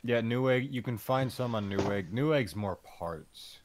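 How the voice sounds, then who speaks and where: A man's voice: medium pitch, measured pace, no room sound. A man in a voice chat with friends, offhand and swearing, giving blunt advice. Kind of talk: casual gaming chat.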